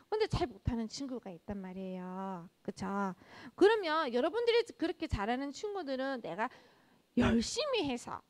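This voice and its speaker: A woman preaching a children's sermon at a church, speaking straight to the kids, asking them many questions and acting out what children might say. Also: high voice. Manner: addresses children directly with frequent rhetorical questions; acts out children's speech in quoted lines.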